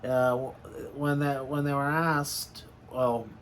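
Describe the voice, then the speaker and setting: A man in casual chat recounting a film in a halting, hesitant way with somewhat formal wording. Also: medium pitch, little pitch movement, a little hiss or hum.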